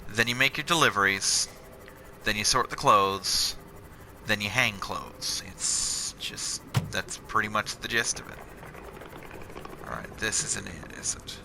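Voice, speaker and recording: Game music runs under this casual gameplay chat from a young male channel host. His voice is on the low side, animated yet unhurried, with some background noise. He rambles about work, profane and sarcastic throughout.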